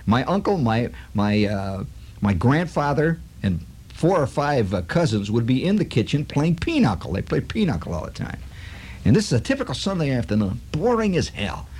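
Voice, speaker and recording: A man's voice: mid-range voice, very animated, moderate pace, a little mellow, breathy edge. A man from Chicago hosting a radio show, telling a rambling, wry story full of asides. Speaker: radio host. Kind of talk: storytelling monologue.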